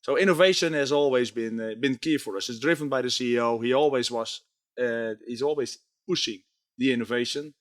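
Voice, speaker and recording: Male guest, mid-pitched, voice worn from a day of talking, earnest and filler-heavy. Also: brisk. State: strained voice from talking all day. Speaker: company technology chief. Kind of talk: conversational interview. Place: trade show floor.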